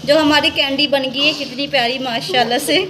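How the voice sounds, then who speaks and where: A high-voiced woman hosts a homemade cooking video, talking the viewer through each step in a chatty, show-and-tell way. Her tone is bright and forward, with a faint hum of room sound behind her. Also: steady tone, brisk. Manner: chatty, keeps pointing things out step by step. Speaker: home cooking vlogger. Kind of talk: casual cooking demonstration.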